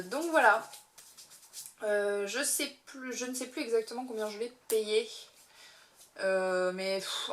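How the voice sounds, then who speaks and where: A young woman talks through her recent beauty purchases in a relaxed, chatty way, with frequent giggles and plenty of hesitations and restarts. Her voice sits at an ordinary middle pitch. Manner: chatty, giggly, many fillers and self-corrections. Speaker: beauty vlogger. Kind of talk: casual haul video chat.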